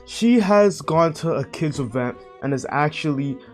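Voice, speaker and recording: A man giving casual reaction commentary, earnest and lecturing, slowing down to stress key words. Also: fairly high pitch, lively intonation, faint music behind. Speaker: online commentator.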